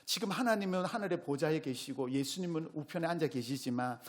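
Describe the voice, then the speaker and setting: A male pastor with a Gyeongsang accent preaching a sermon, questioning his congregation and rising to loud exclamations. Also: fairly high pitch, brisk. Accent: Gyeongsang Korean. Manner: call-and-response preaching, asks the congregation questions.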